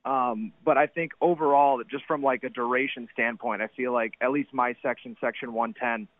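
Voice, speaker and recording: A man with a hoarse, worn-out voice from cheering, gushing casually as a fan calling a sports radio show. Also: medium pitch, steady tone, fairly quick, no room sound. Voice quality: hoarse, strained voice after shouting at the game. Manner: effusive, gushing. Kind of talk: excited casual fan chat. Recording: narrow-band phone call.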